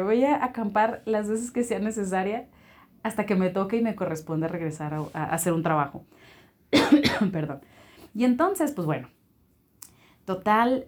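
Woman telling a faith story. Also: medium pitch. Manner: animated storytelling with lively acted-out quotes. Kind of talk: personal faith testimony.

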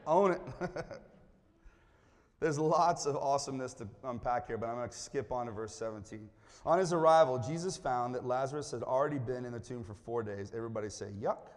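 A man preaching a sermon in a church, reading scripture aloud and calling on the congregation to answer back. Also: medium pitch. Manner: lively, calls on the congregation to respond. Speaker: pastor. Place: church hall. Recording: long hall reverb.

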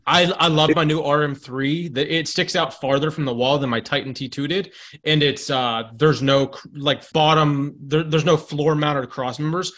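A slightly tipsy man in a casual hobbyist chat, rambling and halting as he searches for words and swearing freely. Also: a little high, fairly even intonation, fairly bright tone. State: a little tipsy. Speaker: home gym roundtable panelist.

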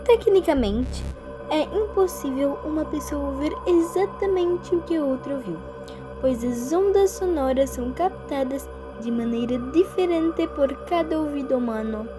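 Woman doing a nerdy know it all kid, spooky audio drama, high voice, exact wording, music behind. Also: moderate pace, close to an everyday voice. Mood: pedantic. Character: pedantic brainy child, nervous beneath the logic. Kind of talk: children's horror audio drama.

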